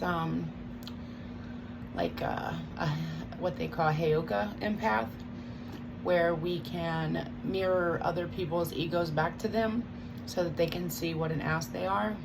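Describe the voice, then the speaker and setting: A woman's voice: lowish voice, gravelly. A woman chewing gum while she gives a casual, hesitant, rambling spiritual talk as a tarot reader. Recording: loud background noise.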